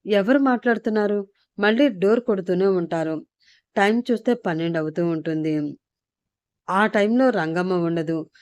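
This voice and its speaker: A woman storyteller reading a serial story in a steady, dramatic way. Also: on the low side, moderate pace, pauses often, clear, resonant tone, no room sound.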